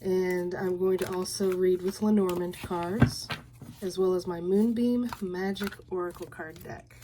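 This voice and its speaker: A woman giving a general card reading, explaining each card in a slow, gentle, explanatory way. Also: on the low side, steady tone, very noisy. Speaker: card reader. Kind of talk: relaxed card-reading video.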